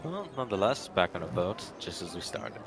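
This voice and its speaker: A man's voice: low voice, big pitch swings, a little fast. A man chatting casually as a player in a tabletop game. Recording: clear background noise.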